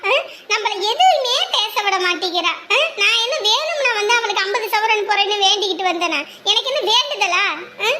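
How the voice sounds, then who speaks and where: A shrill, lamenting village mother. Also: expressive, a little fast, over a noisy crowd. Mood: aggrieved. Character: anxious, self-pitying village mother, middle-aged. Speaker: mother in a village family drama.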